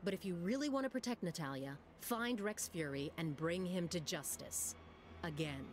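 A woman's voice: lowish voice, lively intonation, normal speed, faint music behind, lightly acted. An actress playing a serious, commanding female police chief in a video game. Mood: serious, businesslike. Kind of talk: animated game cutscene acting.

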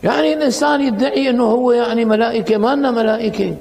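Fast-talking Syrian sheikh, gravelly high voice. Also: male voice. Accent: Syrian Arabic. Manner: lively, conversational, many fillers. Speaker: sheikh giving a lecture. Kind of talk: colloquial storytelling sermon. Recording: reverberant hall with faint ambience.

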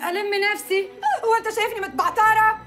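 An actress with an Egyptian accent playing a defiant, mocking sister-in-law who argues back. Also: female voice, extremely high pitch, steady tone, racing, over loud music. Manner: mocking, combative.

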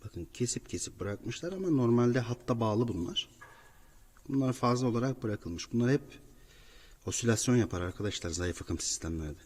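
A repair technician talks informally to viewers while on a job in an apartment building hallway beside the cable shafts, explaining what he's doing and addressing them directly. His medium-pitched voice is animated and a little mellow, at a normal speed. The stairwell is reverberant, and background noise is clearly audible.

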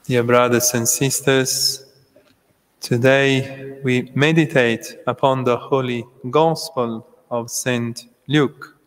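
A man preaches a homily at a pulpit microphone, his voice carried through a large church with a long, lingering echo. He takes his time, pausing between short phrases as he speaks in a measured, unhurried way. His pitch sits in an ordinary middle range. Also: steady tone. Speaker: priest. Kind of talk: homily at Mass.

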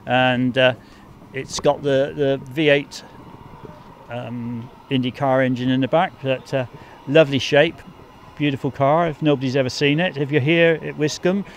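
An older man interviewing a race driver outdoors in a paddock, talking in a chatty, friendly way with a handheld mic. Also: mid-range voice. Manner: chatty and friendly, with filler ums. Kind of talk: casual motorsport interview. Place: outdoors in a race paddock beside a team truck. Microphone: handheld mic with fluffy windshield. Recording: faint outdoor background noise.

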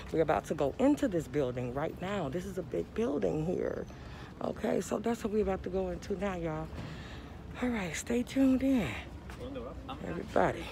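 A woman's voice: lowish voice, big pitch swings, moderate pace, gravelly. A woman in her thirties vlogging casually while walking through a flea market, blunt and chatty, talking to her viewers. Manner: chatty, blunt, laughing, talks to viewers as y'all. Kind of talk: casual vlog narration. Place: outdoor parking lot, then big indoor flea market. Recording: loud background noise.

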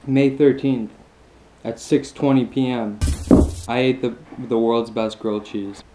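A man's voice: mid-range voice, fairly even intonation, heavy background noise. Enthusiastic young man tasting food. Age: 20s. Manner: enthusiastic, eating between lines with drawn-out mmm sounds. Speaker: food vlogger. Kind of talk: casual mukbang tasting review.

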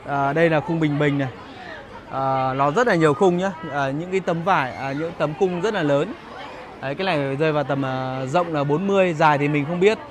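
A man giving casual, hesitant walking-tour commentary as a vlog host, searching for words at an outdoor market. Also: on the high side. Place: busy outdoor market and street. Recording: noisy outdoor market ambience.

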